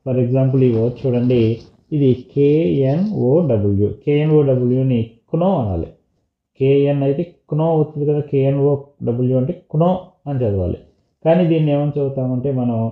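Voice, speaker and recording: A male teacher with a Telugu accent who explains English words slowly in Telugu for schoolchildren. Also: mid-range voice. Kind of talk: textbook lesson explanation. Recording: echoey room on a tinny phone-like line.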